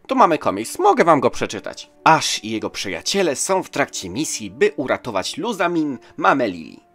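A channel host reading a comic magazine aloud with lively enthusiasm. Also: mid-range voice.

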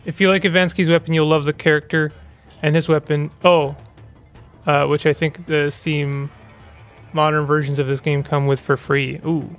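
A man's voice: a little high, level tone, moderate pace, soft background music. A man hosting a gaming channel, giving rambling, chatty let's play commentary with stumbling restarts.

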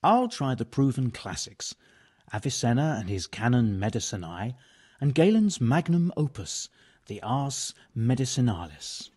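A man's voice: medium pitch, big pitch swings, measured pace, darkish tone, breathy edge. A male actor playing a learned medieval monk in a video game, speaking in a bookish, precise, dry manner. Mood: studious. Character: learned, matter-of-fact medieval monk physician. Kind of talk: video game dialogue acting.

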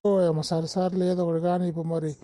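A grumbling, bossy cartoon village husband, voiced by a man. His voice is very dark and flat. He talks fast. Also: on the high side, no echo, natural voice.

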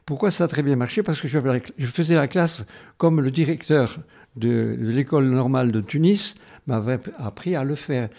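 Older man, nineties, southern French accent from Carmaux. Retired teacher reminiscing, halting yet emphatic, mellow tone. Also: medium pitch, gravelly. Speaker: retired schoolteacher. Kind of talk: reminiscing interview.

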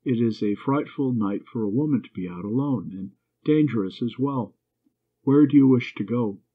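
Man voicing a firm, courteous gentleman; dull lo-fi sound. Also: medium pitch, moderate pace, breathy edge, lightly acted. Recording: dull lo-fi recording.

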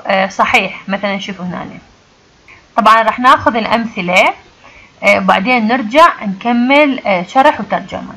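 A woman with an Iraqi Arabic accent who teaches English. She explains a grammar lesson step by step, reads the English examples slowly and then translates them. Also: fairly high pitch, fairly bright tone, low-quality recording. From Iraq.

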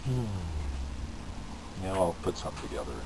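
A man talking with a pipe held in his mouth, musing in a relaxed, rambling way and chuckling between thoughts. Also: a bass voice, measured pace, heavy background noise. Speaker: pipe-smoking vlogger. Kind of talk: casual rambling monologue to camera.

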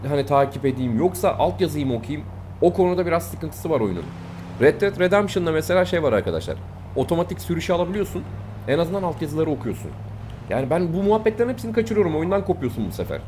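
A young man commenting casually on a game he plays, brash and excitable, swearing often. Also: fairly high pitch, slight background noise. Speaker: gaming YouTuber. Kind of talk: Let's Play commentary.

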